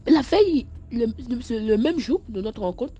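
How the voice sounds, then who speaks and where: Stammering young Ivorian woman, animated. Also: a little high, normal speed, breathy edge, lo-fi sound. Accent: Ivorian French. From Ivory Coast. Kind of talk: casual storytime vlog.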